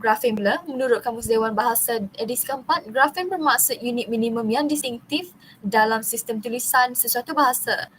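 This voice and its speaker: A woman's voice: a little high, brisk, a bit bright, slight background noise, poor audio. Young woman reading a class presentation. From Malaysia. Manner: reads steadily, stumbling and restarting on long terms. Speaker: university student presenter.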